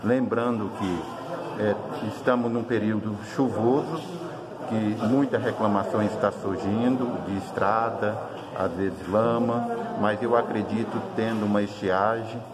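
A man's voice: lowish voice, fairly even intonation, measured pace, a loud crowd. A middle-aged man, a city councillor, answering interview questions with many hesitations, in an office. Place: indoor office with flags. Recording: noisy room.

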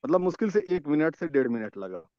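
A man's voice: a little high, sing-song, brisk, dry recording. A man calling in on a phone line that keeps cutting out, speaking hesitantly as he searches for words. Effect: choppy, cutting-out phone audio. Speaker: caller sharing a customer experience. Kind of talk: casual phone-in chat on an online meeting. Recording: dull, dry phone line.

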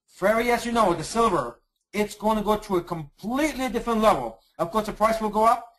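A man's voice: high-pitched, a bit bright, low-quality recording. A man, a company executive, giving an enthusiastic sales presentation in a webinar, boastful and emphatic, often restarting his sentences.

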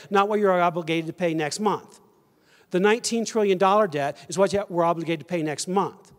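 A man in his sixties giving a plain-spoken lecture on stage to a live audience, answering his own questions. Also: sits high. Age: 60s. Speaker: conference speaker. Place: large church stage with an audience. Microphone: handheld mic. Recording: long reverb of a large hall.

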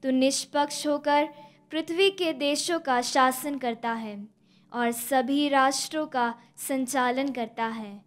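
Standing at the lectern of an indoor studio chapel, a woman in her twenties recites scripture and a psalm for Mass. She speaks into a stand mic with a bright, high voice, keeping her liturgical reading slow, even, and deliberate.

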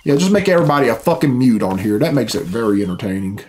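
A man in his thirties, hosting a reaction video, reacts off the cuff with blunt, grumbling, profane commentary in a casual style. His mid-range voice is expressive, fast and darkish, with a little hiss or hum. He's in a small furnished room at home, game cutscene music playing behind him.

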